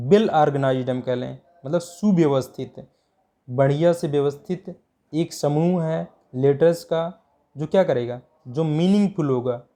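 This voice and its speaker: Male teacher, Indian accent, mellow voice. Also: a little high. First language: Hindi. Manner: asks rhetorical questions and answers them himself; repeats key terms slowly, syllable by syllable. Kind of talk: grammar lesson explained in Hindi.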